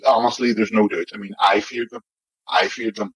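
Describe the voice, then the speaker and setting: Interview guest: man in his fifties, identity-disguised deep voice, low and dry, rambling delivery. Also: steady tone, normal speed, a bit bright, breathy edge, no room sound. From Northern Ireland, West Belfast. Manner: rambling, hedged with frequent "like, you know". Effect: voice altered to disguise identity, deep and muffled. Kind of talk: remote interview. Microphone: remote secure connection. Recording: lo-fi disguised call audio.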